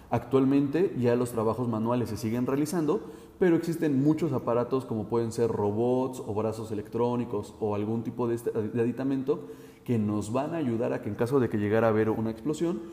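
A man teaches safety procedures in a direct, instructive way, speaking straight to the listener and filling pauses with 'eh'. His voice is warm and mellow. The room is roomy with a long, ringing reverb. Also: medium pitch. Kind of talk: instructional talk addressed to the listener.

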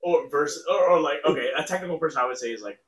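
A man's voice: a little high, very fast. A man interviewing in casual chat, slipping in short questions and slangy bro-style interjections.

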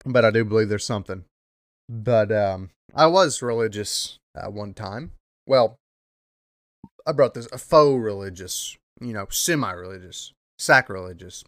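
A man's voice: on the low side, a bit bright, no room sound, studio quality. A young man hosting a podcast, talking casually in a rambling, profane way with lots of "um" fillers. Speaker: podcast host. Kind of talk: casual monologue.

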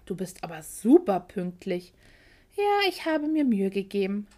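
A woman voicing a calm, charming young male mechanic in a storybook reading, with a laid-back, teasing manner. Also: medium pitch, measured pace. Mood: relaxed.

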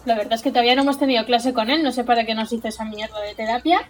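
High-voiced young woman telling a story. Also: racing, slight background noise. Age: young adult. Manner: animated storyteller, laughs often. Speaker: podcast co-host. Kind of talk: casual chat.

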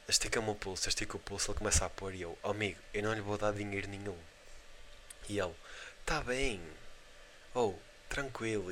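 Podcast host, young man, European Portuguese accent, low voice, loose and profane storytelling with lots of fillers. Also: bright, forceful tone, a little hiss or hum. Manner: rambling, slangy and profane, with constant filler words. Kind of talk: casual storytelling monologue.

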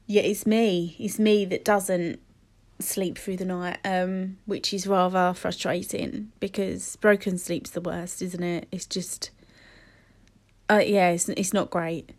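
A woman, chatting casually and rambling with many fillers while sniffly from a cold. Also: medium pitch. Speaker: podcast host. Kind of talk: casual solo chat.

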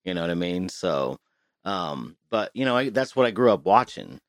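A man's voice: low-pitched, very animated, normal speed, clean tone, no room sound, clean studio sound. A man co-hosting a podcast, chatting casually and swearing freely with many restarts, recorded inside a small closet. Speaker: podcast co-host. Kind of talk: casual chat.

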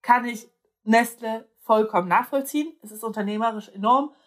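A woman's voice: on the high side, moderate pace. A young woman chatting casually, hesitating often with fillers and restarts. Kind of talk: casual chat.

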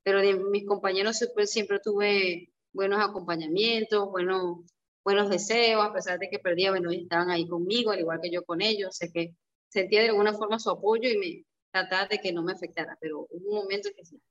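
A woman's voice: medium pitch, steady tone, fairly quick. A middle-aged woman with a Venezuelan accent, a retired karate champion telling her story emotionally, often restarting and voicing her own past thoughts. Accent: Venezuelan Spanish. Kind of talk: reflective personal storytelling. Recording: dull, lo-fi sound.

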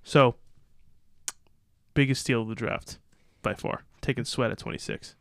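Speaking a little slowly, this man has a steady, mid-range voice touched with vocal fry. He co-hosts a casual sports podcast, reading draft picks aloud and riffing on them with loose opinions, in a dry, clean studio recording.

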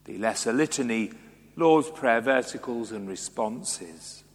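A man leading a church service, reciting the creed and prayers in a measured, solemn intoning voice, heard with a cathedral echo in a large stone church. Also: medium pitch, lively intonation, slightly rough. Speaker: church officiant.

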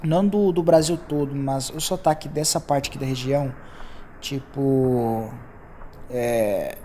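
Chatting freely on his solo podcast, the young Brazilian host, accent intact, moves from topic to topic. He has a warm, medium-pitched voice and speaks a little slowly, with slight background noise.

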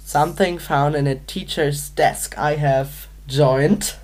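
Slow, low-voiced woman podcast co-host. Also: darkish tone, slight background noise. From Manchester, England. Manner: giggly, playful. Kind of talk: casual game chat.

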